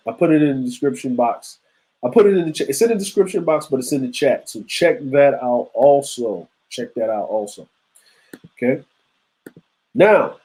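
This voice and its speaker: A man's voice: medium pitch, a little mellow, low-quality recording. Laid-back man in his forties chatting live. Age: 40s. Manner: loose and conversational, street slang, frequent asides to chat. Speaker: show host. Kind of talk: casual live-stream commentary.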